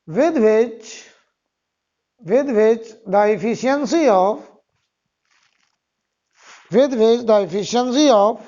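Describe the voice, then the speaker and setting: A teacher with an Indian accent dictating lecture notes, repeating phrases slowly word by word. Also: medium pitch, a little mellow. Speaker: physics teacher. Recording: dull, muffled lo-fi sound.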